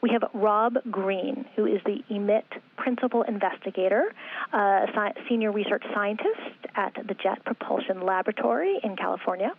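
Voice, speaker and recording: A woman moderating a press teleconference, reading introductions and spelling out a web address slowly and carefully. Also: mid-range voice, creaky. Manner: measured, spells things out slowly. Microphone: telephone. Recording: tinny phone line.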